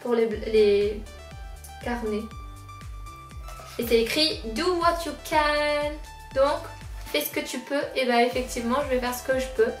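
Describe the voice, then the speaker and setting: A young woman from La Réunion chats her way through a back-to-school haul, fond of everything she shows. Her slightly high voice sits back from the mic in an echoey room. Faint music plays underneath. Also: steady tone, unhurried, long pauses. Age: 20s. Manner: chatty, keeps repeating how much she likes things. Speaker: lifestyle vlogger. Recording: roomy sound, mic at a distance, faint background music.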